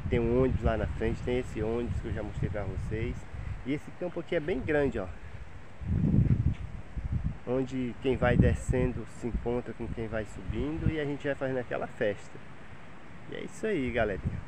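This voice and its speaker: Holding a phone camera, a travel vlogger in his thirties gives a cheerful, chatty walking tour of a windy beachside campground in a mid-range voice at a moderate pace. Loud wind noise batters the phone's microphone throughout this casual walkthrough.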